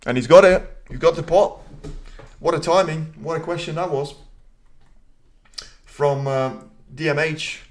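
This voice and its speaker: Unhurried and somewhat high-voiced, this man runs a live stream with casual commentary. He's chatty, reading viewer comments out loud and answering them, with rambling, self-mocking asides.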